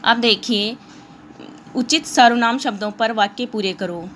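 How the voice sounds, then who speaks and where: A woman teacher giving an online lesson to young pupils, explaining slowly and mixing in English words. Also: on the high side, a bit bright, slight background noise.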